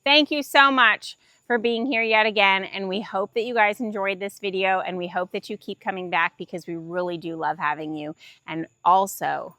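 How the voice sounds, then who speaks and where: A woman's voice: mid-range voice, fairly even intonation, normal speed, pushed and bright, no echo. Woman farm vlogger, rambling and chatty, outdoor handheld camera sound. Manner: chatty, laughs easily, rambling. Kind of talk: casual vlog chat. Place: outdoors in a farm garden at dusk.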